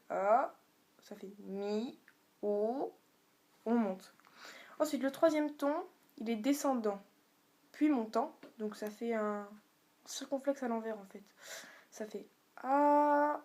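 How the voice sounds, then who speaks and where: A woman's voice: fairly high pitch, darkish tone. A woman giving a beginner video lesson on Chinese tones, patiently demonstrating sounds for viewers to repeat. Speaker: Chinese language teacher.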